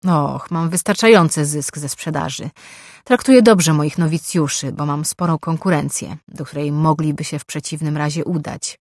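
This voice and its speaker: A man's voice: fairly high pitch, moderate pace, dry recording, clean studio sound, lightly acted. A woman voicing a sly, chatty older male pawnshop owner who talks in a slightly raised, boastful way.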